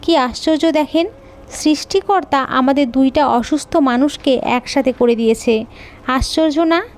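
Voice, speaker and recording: A woman voicing a soft-spoken young bride. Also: high voice, normal speed, lightly acted. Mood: wondering. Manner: soft, gentle voice.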